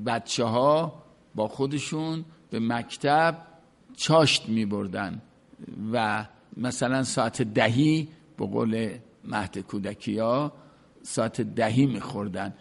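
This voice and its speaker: Man explaining classical verse, slow recitation. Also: medium pitch. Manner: recites verses slowly, then explains words in casual speech. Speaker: teacher of classical poetry. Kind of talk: explanatory lecture on a verse text.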